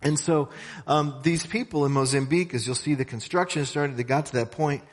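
A man's voice: on the high side, fairly quick. A man from a missions organization telling a story to a church congregation in a conversational way, with asides to the audience. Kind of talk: church talk. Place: church sanctuary. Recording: long hall reverb.

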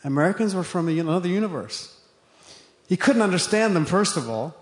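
A man's voice: high voice, sing-song, fairly quick. A man from Zimbabwe speaking as a guest missionary in church, earnest and often hesitating. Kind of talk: testimony talk. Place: church sanctuary. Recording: echoey room with long reverb.

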